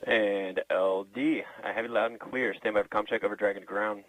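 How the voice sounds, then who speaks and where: A man's voice: fairly low pitch, steady tone, a little fast, a bit bright, dry recording. A man running communication checks as a launch controller, in astronaut radio procedure talk over a radio loop. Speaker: launch director on comm checks.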